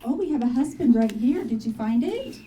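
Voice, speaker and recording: A woman moderating a panel, asking questions in a teasing, quick way. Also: fairly high pitch, animated, reverberant, recorded from a distance, background noise.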